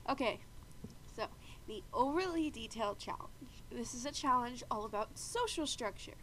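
A woman hosting a video game narrates the gameplay casually and explains the rules, her voice stuffy and congested after a bad cold. She speaks at a fairly high pitch and moderate pace, clears her throat often and stays chatty and explanatory, all on a low-quality recording with steady background noise.

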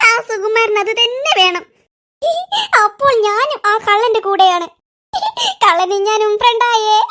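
Squeaky cartoon kids, quick bickering banter, very high voice. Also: female voice, sharp tone, slight background noise. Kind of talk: comic cartoon voice acting.

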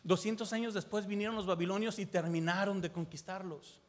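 A man's voice: high-pitched, steady tone, a little fast. A man preaching a sermon as pastor, impassioned, repeating phrases and asking the listener direct questions. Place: church. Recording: long reverb in a large hall.

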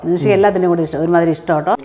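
A woman's voice: on the low side, steady tone, racing, warm tone. An older woman from Kerala, chatting casually as the grandmother in a family vlog, often ending remarks with a fond tag-question.

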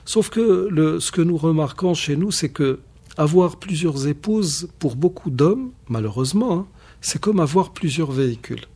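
A man, hosting a radio discussion on Islam and explaining points in a measured, emphatic way. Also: fairly high pitch, animated, darkish tone, slightly rough. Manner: measured, emphatic, firm rebuttals, many repetitions. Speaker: radio show host on Islam.

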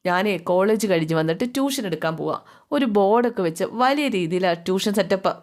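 A woman's voice: medium pitch, lively intonation, brisk, darkish tone, close to an everyday voice. Eager, persistent young woman, played by a woman storyteller; earnest, chatty delivery.

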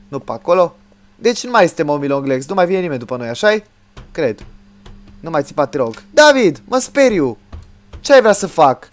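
A man streaming a horror game live, chatting with his viewers and yelping and shouting at every scare; he says he is tired from all the screaming. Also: medium pitch. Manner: jumpy, yelps and shouts when scared, talks to chat. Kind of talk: live gameplay commentary.

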